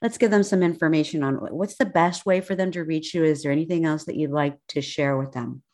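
A woman with a notably low voice hosts a podcast interview. She affirms her guest and wraps up the show in an encouraging way. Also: a little fast. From United States. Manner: warm, affirming, upbeat sign-off. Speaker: podcast host.

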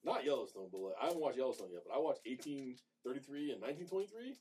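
A man's voice: medium pitch, animated, very fast, darkish tone, a little hiss or hum. A man in his thirties co-hosting a podcast, laid-back and jokey, rambling in casual chat. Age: 30s. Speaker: podcast co-host.

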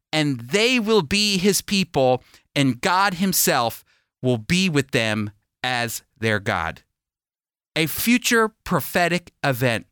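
A man on a radio program, a preacher and Bible teacher, reads scripture and preaches, stressing and repeating key phrases and asking rhetorical questions. His voice is on the high side, fairly bright, clear and resonant, captured at studio quality with no room sound.

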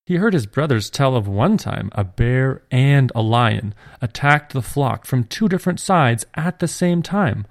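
A man hosting and gently reading a scripted story aloud at a measured pace. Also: mid-range voice, lively intonation, no room sound, clean studio sound. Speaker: storyteller and podcast host.

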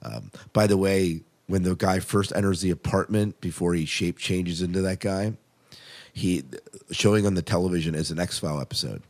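A podcast host with a deep voice chats casually about television at a moderate pace. He reviews shows with the enthusiasm of a keen fan.

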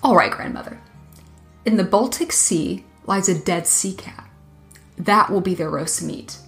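A woman voicing a proud, sly male dragon in a storybook reading, speaking in a smooth, boastful way. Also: fairly low pitch, a little slow, faint music behind. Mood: smug.

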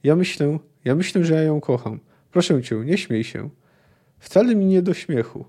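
A man reading the part of an earnest, lovesick young knight, in a calm, plain voice. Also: a little high, normal speed. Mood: confessing.

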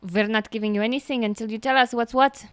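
Brisk woman in a dry, close recording. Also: fairly high pitch, steady tone, dry recording. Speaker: player. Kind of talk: casual tabletop play.

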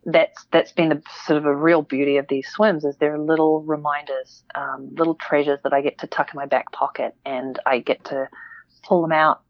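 A woman's voice: sits low, little pitch movement, moderate pace, no echo, highs cut off. A woman, a podcast guest, talking reflectively in casual interview chat, with many restarts and fillers.

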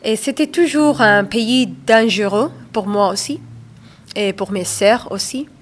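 Woman guest, 30s, from Somalia, non-native French, slow halting delivery. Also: mid-range voice, a little hiss or hum. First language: not French. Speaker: guest, author. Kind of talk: radio interview.

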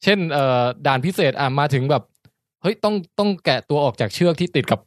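A man co-hosting a podcast, telling a story about a trip in an animated, casual way. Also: a little high, fast talker, dry recording, clean studio sound. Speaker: podcast co-host.

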